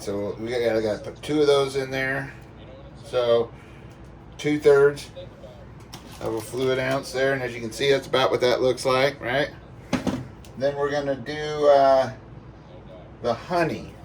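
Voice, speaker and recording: A man's voice: medium pitch, steady tone, a little slow, pauses often. A man giving a casual, folksy cooking demonstration in a playful way, as a home cook talking viewers through a recipe. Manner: folksy, playful sound words and exclamations. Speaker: home cook presenting a cook-along. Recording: distant mic, faint background noise.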